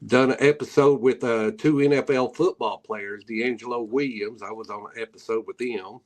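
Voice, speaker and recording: Here a middle-aged man guesting as a paranormal investigator rambles through casual stories with rural grammar and an Appalachian hillbilly drawl. His medium-pitched voice has a darkish tone, fairly even intonation and a moderate pace.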